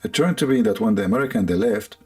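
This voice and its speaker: Gravelly Arabic-accented man joking on stream. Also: on the low side, animated, fast talker, a little mellow, faint music behind. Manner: rambling, sarcastic, laughs often. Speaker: livestream host. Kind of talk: casual joking monologue.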